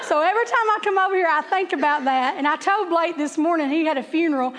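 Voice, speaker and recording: A woman's voice: very high voice, a little fast, fairly bright tone, in a large hall. A woman and kindergarten teacher, telling chatty, self-deprecating stories to a church group, laughing often and stuttering at times. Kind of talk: humorous storytelling talk.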